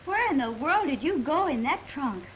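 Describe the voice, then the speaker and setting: An actress playing an anxious, doting young bride in 1940s screwball comedy banter, on an old film soundtrack. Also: female voice, high voice, very animated, normal speed, fairly bright tone, highs cut off, slight background noise. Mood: worried, tender.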